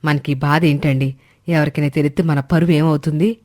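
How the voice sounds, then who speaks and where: A woman voicing a tired, scolding old mother-in-law in an animated story. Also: sits low, fairly quick. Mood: exasperated. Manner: tired nagging, hushed and cautious.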